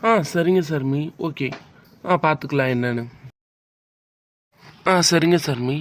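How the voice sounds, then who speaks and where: A man's voice: on the high side, takes it slowly, slight background noise. Man voicing a stern dad in a cartoon, curt and dismissive. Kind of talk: cartoon voice acting.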